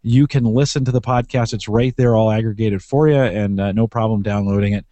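A man's voice: fairly low pitch, steady tone, fairly quick, warm tone, no room sound. A man hosting a podcast in a casual, conversational style. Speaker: podcast host.

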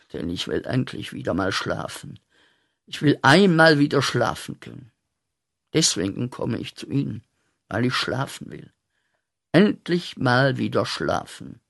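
A man acting a guilt-ridden corporal back from the war, in a radio play, speaking with slow, intense, declaiming rhythm. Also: medium pitch, sing-song, creaky, fairly bright tone, dry recording, clean studio sound, full character voice. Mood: weary pleading.

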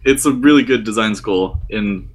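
A young man from Rhode Island co-hosting a gaming podcast, earnest and halting, often restarting his sentences. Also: fairly low pitch. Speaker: podcast co-host and web developer. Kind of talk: casual podcast chat.

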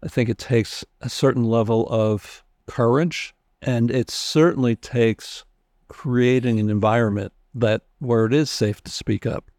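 A man hosting an interview, speaking in a deliberate, reflective conversational way. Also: mid-range voice, fairly even intonation, a little mellow, no room sound, clean studio sound. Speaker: interview host.

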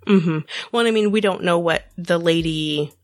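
A woman's voice: on the low side, normal speed, soft background music. A woman co-hosting a podcast, speculating tentatively in casual discussion. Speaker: podcast co-host.

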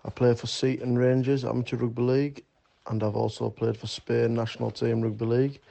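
A man's voice: medium pitch, little pitch movement, brisk, creaky, dark tone. A man who plays amateur rugby league, introducing himself and his reading in a matter-of-fact way. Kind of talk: introducing himself for school radio.

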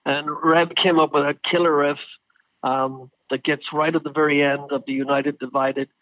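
A man being interviewed as a guest singer, telling stories in a casual, animated way and acting out what others said. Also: on the high side, normal speed, no echo. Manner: animated storyteller, acts out quoted exchanges. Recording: tinny phone line.

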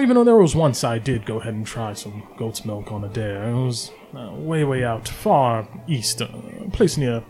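Rambling theatrical writer, fussy, animated pitch swings, man acting him out. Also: slight background noise, natural voice. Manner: rambling, theatrical, sarcastic asides. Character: fussy, talkative male traveling writer. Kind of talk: tabletop game voice acting.

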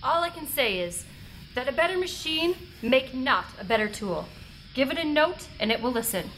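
A man's voice: extremely high pitch, sing-song, normal speed, sharp tone, a little hiss or hum, voice pushed up, exaggerated voice, low-quality recording. A man voicing a mysterious female oracle who speaks in secretive riddles. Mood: cryptic.

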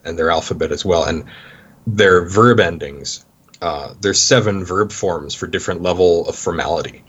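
Canadian man, low husky voice, rambling guest in casual chat, muffled recording. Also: normal speed, fairly bright tone. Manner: rambling, many restarts, anecdotal. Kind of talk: casual conversation. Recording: dull lo-fi sound.

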